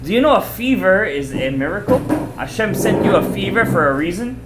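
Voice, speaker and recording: A man teaching a Torah class as a rabbi, animated and emphatic, repeating phrases, asking rhetorical questions and dropping in Hebrew terms. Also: high voice, brisk, roomy sound, background noise. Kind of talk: animated religious lecture to students.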